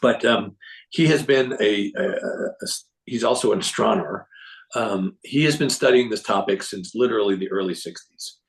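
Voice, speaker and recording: A man giving a casual, rambling recap of a symposium to a group, often clearing his throat and restarting sentences. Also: fairly low pitch, moderate pace, rough recording. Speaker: presenter reporting on a symposium.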